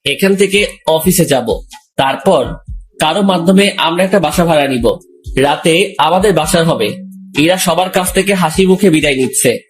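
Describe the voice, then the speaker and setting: A young man with a slightly raised pitch tells a romantic story in the first person, in a calm, steady manner. Soft music runs faintly beneath his narration. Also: moderate pace. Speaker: narrator and male lead.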